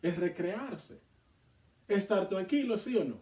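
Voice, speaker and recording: A man leading a Bible study, reading scripture aloud and explaining it in an animated way to a responding group. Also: sits high, slow. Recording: echoey room, mic far off.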